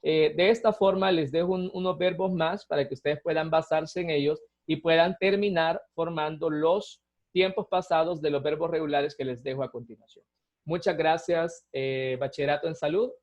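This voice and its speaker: A man giving a recorded lesson, explaining grammar rules patiently step by step, often checking in with a quick tag question. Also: a little high, fairly even intonation. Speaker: teacher. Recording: dull lo-fi recording.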